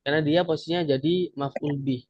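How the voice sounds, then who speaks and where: A man's voice: a little high, fairly even intonation, a little fast, a little mellow, no echo. A man teaching an Arabic grammar class online, patiently explaining step by step and repeating each word. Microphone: video call. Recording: dull lo-fi video call audio.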